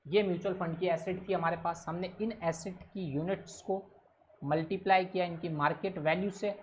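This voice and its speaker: A man's voice: high voice, a bit bright. A male teacher giving a recorded lecture, explaining each step and repeating it, with English terms mixed into his Hindi. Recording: dull lo-fi recording with faint noise.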